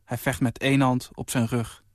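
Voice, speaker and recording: Young male writer, mid-pitch, calm narrator, dry studio sound. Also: moderate pace, no echo. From Netherlands. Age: 20s. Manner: calm, even storytelling, lifting his voice for the quoted lines. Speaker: short story writer. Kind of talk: reading his own short story.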